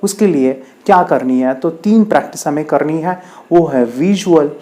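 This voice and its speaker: A man speaking to students and parents as a motivational speaker. He tells a parable with theatrical repetition, doubling his phrases to build tension, in a voice a touch higher than most men's. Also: normal speed, dark tone. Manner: dramatic, heavily repetitive phrasing. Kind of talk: motivational storytelling talk.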